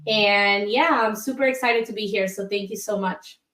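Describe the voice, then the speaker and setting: A woman's voice: medium pitch, moderate pace, fairly bright tone, echoey room. A woman from Colombia, an immigration attorney, talking candidly as a guest in an interview with frequent fillers. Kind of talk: casual interview.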